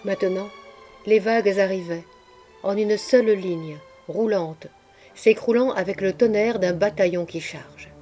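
Woman narrating an old novel audiobook, steady and expressive, quiet music under it. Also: medium pitch. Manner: measured, expressive storytelling. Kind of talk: literary audiobook reading. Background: faint background music.

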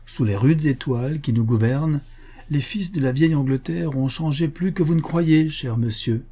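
A man's voice: a little high, moderate pace, warm tone, pitched above the performer's own voice, close to an everyday voice. A man reading as a cautious capitalist magnate. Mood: measured. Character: powerful older male capitalist, cautious.

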